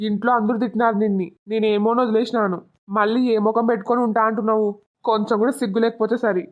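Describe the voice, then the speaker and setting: A woman's voice: on the high side, steady tone, fast talker, close to an everyday voice. A woman voicing a stern, angry middle-aged village father, scolding bluntly, on a dull lo-fi recording.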